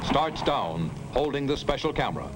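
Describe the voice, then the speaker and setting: A man's voice: medium pitch, big pitch swings, moderate pace, background noise. A man narrating an old 1950s newsreel in the announcing manner of the era.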